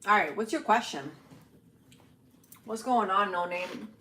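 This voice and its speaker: A tarot reader who has newly moved gives a casual live-stream reading from her home setup, speaking in a mid-range voice a little slowly. She's chatty and informal, swearing and laughing easily, with a noisy background.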